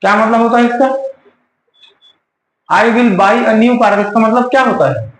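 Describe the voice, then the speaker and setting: A man's voice: sits high, measured pace, a bit bright. A male teacher giving a classroom grammar lesson, quizzing his students again and again. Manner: quizzes students with repeated questions. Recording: roomy classroom echo.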